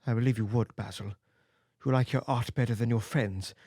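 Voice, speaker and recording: A man's voice: mid-range voice, fairly even intonation, fairly quick, warm tone, breathy edge, dry recording, studio quality. A man voicing an anguished vain young man. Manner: emotional, pleading, rising to outbursts. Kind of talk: audiobook character reading.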